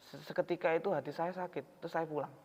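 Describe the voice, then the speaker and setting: A male preacher voicing a grieving middle-aged father who speaks in a quiet, subdued way, in an echoing hall. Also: on the high side, steady tone, fast talker. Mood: hurt, quiet. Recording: reverberant hall, dull sound.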